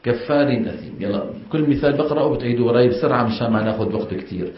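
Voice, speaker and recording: A man's voice: medium pitch, racing. Male teacher, Levantine accent, classroom lecture, quizzes the class often; roomy, muffled lo-fi sound. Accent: Levantine Arabic. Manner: questions the class often and drills them to repeat. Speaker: Quran recitation teacher. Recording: echoey, dull lo-fi classroom recording.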